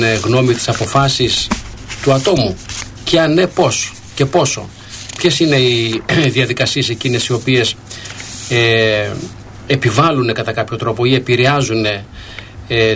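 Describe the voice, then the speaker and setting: A male radio host speaking into a studio microphone in a measured, preacherly manner. He pauses often on drawn-out fillers as he addresses his listeners, and his voice sits at an ordinary male pitch with a faint hiss behind it. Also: fairly bright tone. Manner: measured, preacherly, with frequent hesitations. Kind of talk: religious radio talk.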